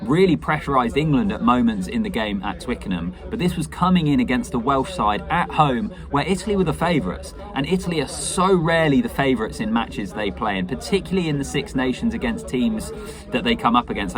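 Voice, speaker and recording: A man in his thirties giving casual, measured sports analysis as a pundit, opinionated and conversational. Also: mid-range voice, expressive, a crowd in the background. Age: 30s. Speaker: rugby pundit giving match reaction. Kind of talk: casual spoken match analysis to camera. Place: small indoor room at home.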